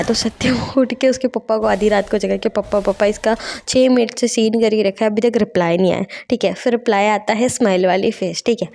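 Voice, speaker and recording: A woman's voice: a little high, dark tone. A young woman casually retelling a love story for her channel, rambling with lots of fillers and frequent giggles. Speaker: storyteller and gamer channel host. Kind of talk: casual spoken storytelling over gameplay.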